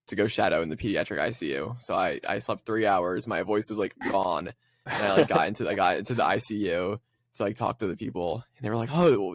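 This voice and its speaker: A young man co-hosting a podcast, recounting events briskly and matter-of-factly in casual chat. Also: on the low side, no room sound, clean studio sound. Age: young adult. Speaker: podcast co-host.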